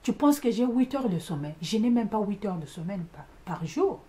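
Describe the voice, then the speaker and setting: A woman's voice: medium pitch, moderate pace. Emphatic woman telling a story. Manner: animated, emphatic, repeats words for stress; mixes in English exclamations. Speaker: vlogger recounting a household conflict. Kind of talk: casual storytelling monologue.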